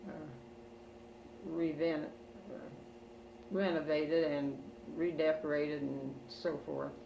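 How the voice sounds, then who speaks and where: An older woman with an American Midwestern accent reminisces about family history in a halting way, pausing as an oral history interviewee at home. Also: low voice, level tone, vocal fry. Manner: halting, slow elderly reminiscing with pauses. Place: in a room at home. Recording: roomy, distant home recording with background noise.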